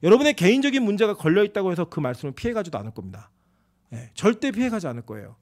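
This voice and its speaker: Male pastor, 40s, quick and lively sermon delivery, high and very expressive pitch, conversational storytelling. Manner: animated, conversational preaching with quoted asides. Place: church sanctuary.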